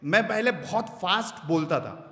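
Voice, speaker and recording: A man running a voice-over workshop at a meetup, often acting out short example lines to show different tones. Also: measured pace. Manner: animated, swings pitch and volume widely. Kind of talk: live workshop talk. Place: hall at a creators' meetup. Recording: echoey hall, long reverb.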